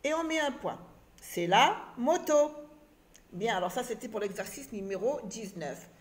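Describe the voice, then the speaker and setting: Female teacher, early-reader lesson: slow, clear spelling-out, slightly high voice. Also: expressive. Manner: slow, spelling words letter by letter.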